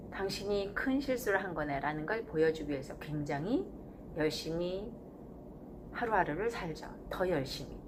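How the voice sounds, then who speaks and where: A woman at a middle pitch delivers a reflective spoken essay as host of her own channel. She speaks calmly and in a measured way, with soft pauses and gentle corrections. A faint hiss sits behind her voice. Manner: calm, measured, with thoughtful pauses.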